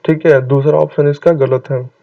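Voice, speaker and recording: A man's voice: fairly high pitch, fairly even intonation, moderate pace, vocal fry, dry recording. A man tutoring for an exam, reading out quiz questions and answers and saying "okay, friends" after each one. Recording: tinny, distant phone-like mic.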